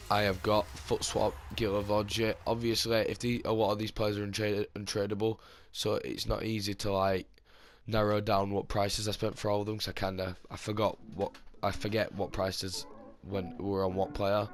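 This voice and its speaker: Speaking at normal speed, a gaming channel host talks casually about his team in a low, slightly hoarse, very flat voice. There are lots of fillers, restarts and returns to earlier points, with faint music underneath.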